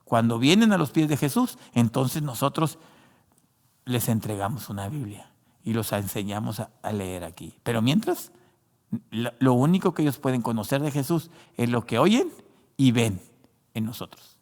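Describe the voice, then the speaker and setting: A man's voice: mid-range voice, lively intonation, moderate pace, a little mellow. Man preaching in a reverberant hall. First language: not Spanish. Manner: preaching with many fillers and restarts, addressing "hermano". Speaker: pastor. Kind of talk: sermon.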